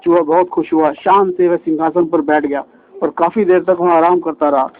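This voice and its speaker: High-voiced man telling a children's story. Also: moderate pace. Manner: lively, expressive storytelling addressed to children. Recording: tinny phone-like sound.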